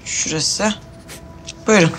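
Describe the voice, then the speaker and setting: An actress playing an excitable, quick-tempered pregnant housewife who talks to herself a lot. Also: female voice, soft background music, close to an everyday voice. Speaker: pregnant wife. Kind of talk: TV drama acting.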